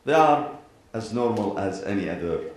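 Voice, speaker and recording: An imam with an Iraqi Arabic accent, from Iraq and Kuwait, delivers a formal public address to a gathering in a large indoor venue, his fairly low, expressive voice moving in deliberate, measured phrases with pauses and repeated parallel sentences. He clears his throat often. The hall is very echoey, with faint background noise.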